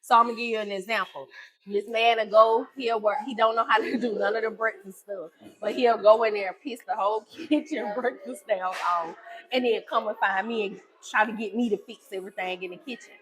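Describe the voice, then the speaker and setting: A woman's voice: on the high side, fairly even intonation, fairly quick, a crowd in the background, poor audio. A middle-aged woman, a restaurant owner co-hosting a casual chat, talking bluntly and teasing.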